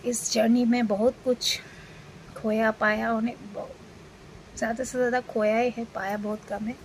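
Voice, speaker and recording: Female vlogger, 40s, from India, unwell; relaxed rambling delivery with fillers over faint room noise. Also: fairly high pitch, unhurried, poor audio. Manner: rambling, with many fillers and restarts. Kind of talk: casual talk to camera.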